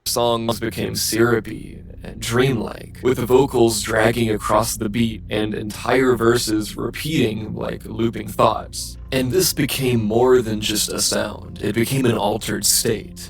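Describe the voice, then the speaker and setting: A man reading scripted documentary narration in a steady, measured way. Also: mid-range voice, vocal fry.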